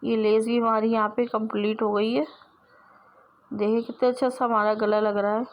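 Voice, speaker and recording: Patient, higher-voiced woman sewing teacher. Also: little pitch movement, moderate pace, lo-fi sound. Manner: patient, repetitive step-by-step explaining. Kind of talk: step-by-step sewing tutorial.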